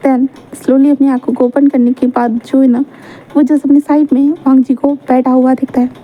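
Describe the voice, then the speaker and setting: A woman's voice: sits high, level tone, moderate pace, narrow, tinny audio. A woman casually narrating a romance fan fiction story. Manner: casual retelling with fillers.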